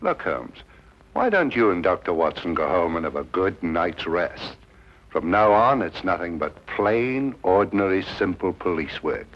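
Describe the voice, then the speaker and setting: An actor playing a self-assured police inspector who talks in a blunt, dismissive way. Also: male voice, deep voice, sing-song, a little slow, exaggerated voice. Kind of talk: 1950s TV drama acting. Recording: dull 1950s TV soundtrack.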